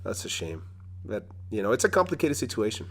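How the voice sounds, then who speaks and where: A Mexican podcast host conducts a casual conversational interview, rambling loosely with lots of restarts and fillers. His voice is on the low side and creaky, very animated, and brisk.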